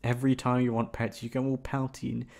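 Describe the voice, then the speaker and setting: In an intimate ASMR audio roleplay, a man acts as a boyfriend who is playful, teasing, and affectionate, coaxing and pleading. He talks fairly quickly in a flat, mid-range voice with vocal fry and a slightly mellow quality.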